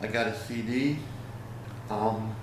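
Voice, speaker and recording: This lowish, steady voice belongs to a man in his fifties who takes things slowly as he reviews a product for his vlog. He rambles in a folksy way and sometimes loses his words, speaking into a nearby webcam beside a plain wall in a small room. Faint hiss sits under heavy room echo.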